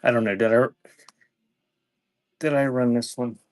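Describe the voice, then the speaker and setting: Here a man runs a live online sale of cassette tapes, rambling casually for his stream, thinking out loud and frequently leaving sentences unfinished. He speaks at a measured pace in a mid-range voice with fairly even intonation.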